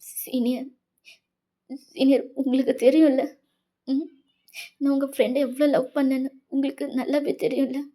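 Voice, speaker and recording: A woman plays a heartbroken young woman, her voice a touch high yet soft and mellow. She pleads and accuses through tears in a fan fiction voice-over. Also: fairly even intonation, moderate pace, long pauses, natural voice. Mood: accusing.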